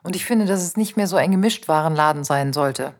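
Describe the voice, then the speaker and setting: A woman reading the lines of a brisk, chatty female colleague who rambles on with her explanations and sounds a touch impatient. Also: deep voice.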